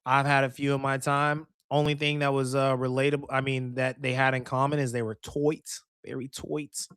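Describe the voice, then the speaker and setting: A man's voice: medium pitch, little pitch movement, normal speed, a bit bright, clear, resonant tone, no echo, studio quality. A man hosting a livestream, chatting casually, joking and reading chat comments aloud. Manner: joking, laughs often, reads chat aloud. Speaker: streamer host.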